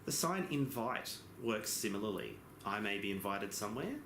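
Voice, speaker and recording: A low male voice delivers a simultaneous interpretation of a lesson, with lively swings in pitch. He explains phrase by phrase, pausing between them and sometimes correcting himself. The room is noticeably echoey. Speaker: interpreter giving voice-over for a sign language lesson. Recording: echoey room with background noise.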